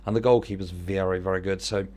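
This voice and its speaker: A man's voice: low voice, fairly even intonation, fast talker, darkish tone. A man with an Italian accent giving casual commentary on an online football manager game, thinking aloud as he weighs his choices.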